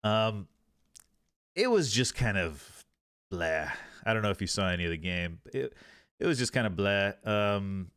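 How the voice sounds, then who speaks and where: A man's voice: fairly low pitch, lively intonation, unhurried, fairly bright tone, clean tone, no room sound, clean studio sound. A man hosting a casual football podcast, rambling with many fillers and restarts. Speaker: podcast host.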